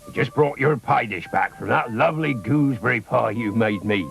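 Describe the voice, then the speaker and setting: A man voicing a gruff, hearty old fisherman, a jovial sailor in a children's story. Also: mid-range voice, normal speed, a bit bright, soft background music. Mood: hearty, friendly. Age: older.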